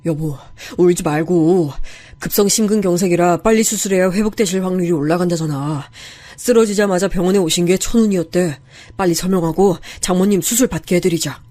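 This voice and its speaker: A man's voice: high voice, fairly quick, dark tone, natural voice. A man playing an earnest young husband who pleads and apologizes to his wife. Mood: comforting.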